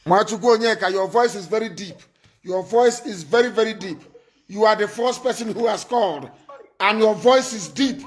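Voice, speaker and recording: A man's voice: high voice, normal speed. A man hosting a live call-in talk show who talks in a commanding way, repeats his points and scolds his callers. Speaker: live stream host taking calls.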